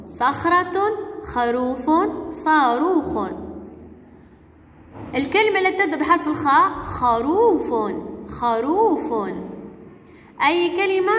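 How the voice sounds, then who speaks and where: A woman teaching young children the alphabet, speaking slowly and patiently and repeating each word. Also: very high-pitched, a bit bright. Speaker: kindergarten teacher. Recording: echoey room with long reverb.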